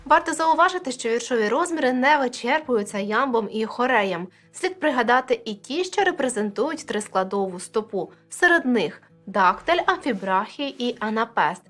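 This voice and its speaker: A woman's voice: on the high side, expressive, moderate pace, few pauses, a bit bright, faint music behind. A woman teacher explaining poetic meter in a video lesson, addressing viewers directly and counting syllables aloud.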